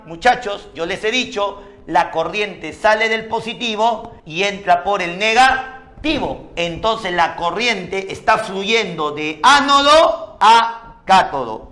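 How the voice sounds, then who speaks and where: A man's voice: sits high, fairly bright tone. A man, teaching an exam-prep chemistry lesson, who asks and answers his own questions and drills memory tricks by repetition.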